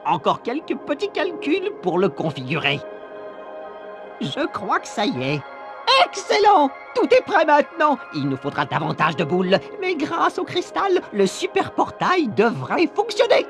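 Squeaky, excitable old professor creature. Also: male voice, measured pace, music in the background, heavily acted. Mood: excited, absorbed. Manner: pedantic, bubbling muttering to himself. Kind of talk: cartoonish video game acting.

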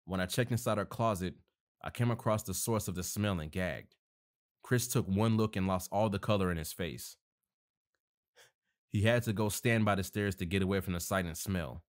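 Low-voiced guy reading a creepy story, laid back, fixes his own slips. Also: normal speed. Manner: casual asides and self-corrections. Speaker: narrator.

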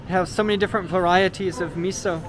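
With a crowd audible behind him, a high-pitched male vlogger speaks quickly while touring a large indoor supermarket and explaining products. He keeps it relaxed and informative, leaning heavily on "uh" fillers. The handheld camera mic catches plenty of noisy store ambience.

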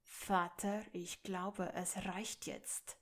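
A woman's voice: unhurried, close to an everyday voice. A woman doing a hissing young man. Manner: low, hissed, clipped. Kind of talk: audiobook reading of fan fiction.

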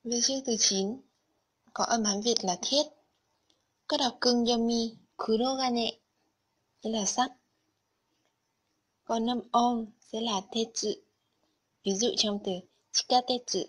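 A woman's voice: a little high, steady tone, slow pace, pauses often, slightly rough. A woman narrating a scripted Japanese lesson, carefully explaining vocabulary and kanji one item at a time. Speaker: Japanese language teacher.

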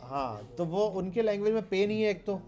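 A man with a Pakistani Urdu accent lectures a class on programming, his voice pitched a little high yet dark and mellow in tone. He talks conversationally, asking his students questions and going back over each point. The delivery is that of a teacher in front of a live room. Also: expressive, a little fast. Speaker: programming instructor.

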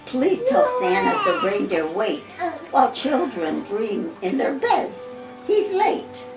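A woman voicing an anxious reindeer groom calling on the phone, speaking high, urgent and fretful, heard in an echoey room from far off with music behind. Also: huge pitch swings, slow pace, exaggerated voice.

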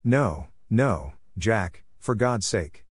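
A man's voice: lowish voice, animated, drawn-out words, breathy edge, no echo, studio quality, exaggerated voice. A man voicing a frightened young wife who pleads desperately, in an audiobook reading. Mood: pleading.

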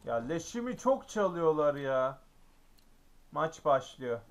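A man commentating his own gameplay, excitable and frequently exclaiming and grumbling at the game. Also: a little high, slow. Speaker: gaming YouTuber.

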